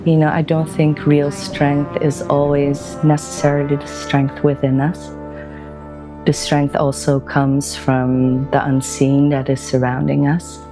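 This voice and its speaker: A woman in her forties from Belgium, a wellbeing practitioner speaking slowly and gently in a reflective documentary voice-over, with pauses between thoughts. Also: sits low, little pitch movement. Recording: voice-over with music underneath. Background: music.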